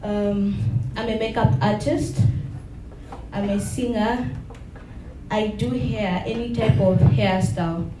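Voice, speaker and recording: A woman from Zambia giving a soft-spoken, hesitant personal testimony at an event. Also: medium pitch, fairly even intonation, slow pace, noisy background. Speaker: guest speaker. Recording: roomy sound from a distant mic.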